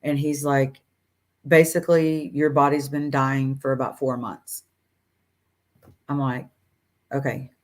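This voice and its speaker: This woman in her forties has a very deep voice, taking it slowly and pausing often as she tells her story over a video call from a room at home. She speaks casually and animatedly, acting out her doctors' lines and laughing between phrases.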